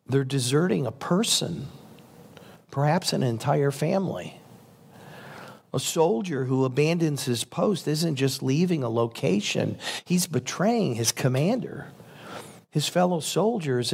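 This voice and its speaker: A man's voice: medium pitch, gravelly, breathy edge. A man preaching a sermon as a pastor, in a conversational, earnest way.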